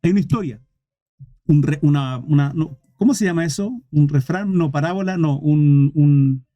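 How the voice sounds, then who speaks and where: A male pastor preaching with emphasis, often repeating his points and speaking directly to the church. His voice is fairly high for a man but warm and mellow. The recording is close and dry, with no room sound. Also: moderate pace, dry recording. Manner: emphatic, repetitive, addresses the congregation directly. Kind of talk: sermon.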